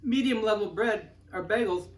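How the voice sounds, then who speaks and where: A man with a notably high voice hosts a homemade cooking show, bantering with a guest and cracking offhand jokes. The room around him sounds echoey, like a bare home kitchen. His talk is loose and chatty. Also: moderate pace. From Midwest US. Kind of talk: casual food show chat.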